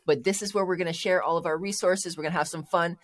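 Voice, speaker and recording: A man's voice: high voice, steady tone, quick pace. A man hosting a podcast in a casual, upbeat way, stumbling over his words now and then. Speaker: podcast host.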